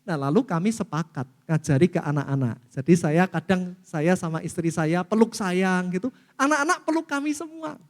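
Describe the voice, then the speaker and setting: Lively preaching man in an echoing hall. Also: sits high, normal speed. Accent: Indonesian. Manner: lively preaching, often addresses listeners as saudaraku. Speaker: pastor. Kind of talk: sermon. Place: church hall. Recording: long reverb of a church hall.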